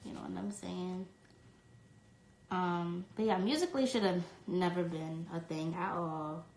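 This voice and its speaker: Chatting casually on her phone livestream, the young woman from New York reads out fan questions and responds with plenty of "um" and "like." She sounds lowish, steady, measured and darkish, captured in a reverberant, low-quality recording.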